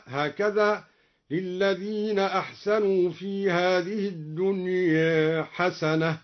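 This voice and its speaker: High-voiced man teaching Quran readings. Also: dull audio. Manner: alternates plain explanation with slow melodic recitation. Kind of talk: explaining and reciting Quran variant readings.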